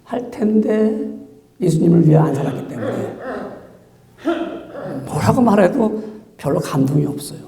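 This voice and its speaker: A man preaching as a pastor, acting out quoted exchanges in an animated way. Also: on the high side, normal speed, gravelly, long pauses, reverberant. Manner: animated, acts out quoted dialogue. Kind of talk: sermon.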